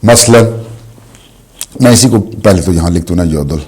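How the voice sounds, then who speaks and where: A man teaching a language lesson, explaining slowly and asking questions he answers himself. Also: sits low, darkish tone, breathy edge. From Pakistan. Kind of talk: classroom lesson.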